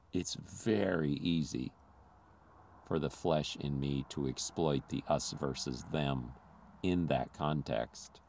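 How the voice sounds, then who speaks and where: A man's voice: very deep voice, a little mellow, dry recording. A man who grew up in the Philippines, giving an earnest, confessional sermon as a pastor.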